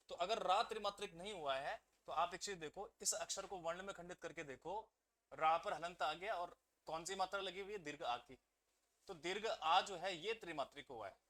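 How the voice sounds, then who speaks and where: A man with a high, ringing voice teaches an exam-prep class. He keeps throwing questions at the students and answering them himself, and the bright edge of his voice carries through the lesson.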